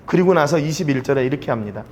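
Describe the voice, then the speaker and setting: Male pastor, slightly high voice, casual conversational sermon with emphatic swells, faint hiss behind. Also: lively intonation, very fast, a little mellow. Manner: conversational preaching, rising to emphatic pleas.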